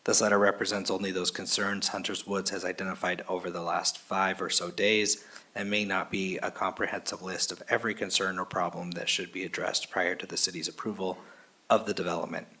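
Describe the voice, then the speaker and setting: Deep flat-voiced man reading a letter. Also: fairly quick, breathy edge, rough recording. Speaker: city staff reading public comments. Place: city council chamber.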